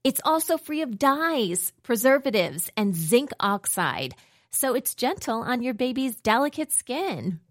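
A woman giving a chatty, expressive read of a scripted commercial. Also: on the high side, unhurried, no room sound, clean studio sound. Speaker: ad reader.

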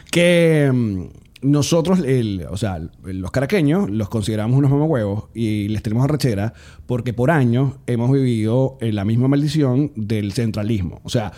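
A man's voice: medium pitch, moderate pace, a little mellow. A man with a Venezuelan accent, co-hosting a comedy podcast in casual chat, rambling with many restarts and frequent laughs. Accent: Venezuelan Spanish. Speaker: podcast co-host and stand-up comedian.

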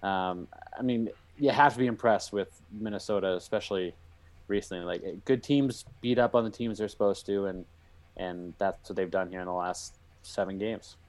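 A man with a somewhat low voice co-hosts a casual sports podcast. He gives blunt, opinionated takes and swears casually. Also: fairly even intonation, normal speed, darkish tone. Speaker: podcast co-host.

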